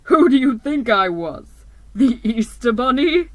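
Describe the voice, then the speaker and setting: Woman playing booming, jolly old Santa Claus. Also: very animated, a little slow, no room sound. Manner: booming, hearty.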